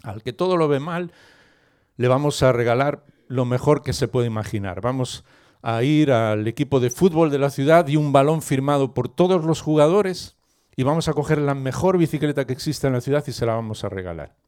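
A man with a Spanish accent playing a strict, scheming father in a sermon story, with a gruff, scolding manner. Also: mid-range voice, moderate pace, darkish tone, natural voice.

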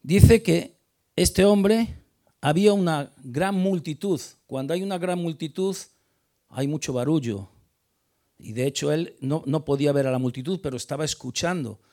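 A preacher gives a sermon on a Bible passage at a moderate pace, his slightly high voice gravelly with fry. He speaks emphatically, building to loud stressed words before dropping quiet again. He often stumbles, repeating words as he restarts phrases.

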